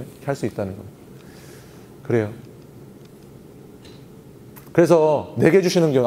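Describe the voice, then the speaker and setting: Pastor teaching in a reverberant hall. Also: male voice, mid-range voice, warm tone, slight background noise. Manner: teacherly, asks the audience questions and answers himself. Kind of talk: seminar talk on Bible meditation. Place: church hall at a youth retreat. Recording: long hall reverb, faint ambience.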